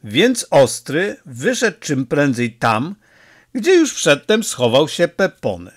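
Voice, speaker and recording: A man narrating an audiobook in an expressive, measured way. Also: on the high side.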